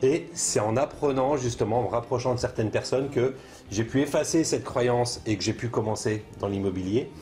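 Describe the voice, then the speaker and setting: Man, mid-pitched, mellow relaxed tone, conversational host, hesitant phrasing, faint music behind. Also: moderate pace. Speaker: video host and interviewer. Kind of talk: conversational interview, summing up guest's points.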